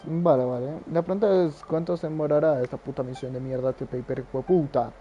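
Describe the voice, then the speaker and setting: A man casually commentating his own gameplay, excitable and profane, often blurting sound effects. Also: a little high, brisk, lo-fi sound, a little hiss or hum. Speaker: gamer.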